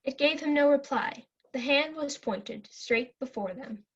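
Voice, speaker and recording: A woman's voice: high voice, measured pace. A young female student giving scripted storybook narration in an amateur readers' theatre. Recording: dull lo-fi recording.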